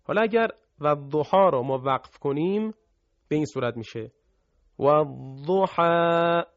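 A man with a slightly high voice gives a recorded recitation lesson. He rattles through his explanations, then slows into drawn-out chanted examples for students to repeat. The sound is dull and lo-fi. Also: animated, no echo. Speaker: Quran recitation teacher.

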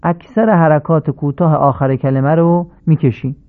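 A man teaching correct Quran recitation, slowly chanting short Arabic phrases as examples and explaining the mistakes between them. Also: fairly high pitch, fairly even intonation. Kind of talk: radio lesson on recitation. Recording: narrow phone-like band, old radio tape.

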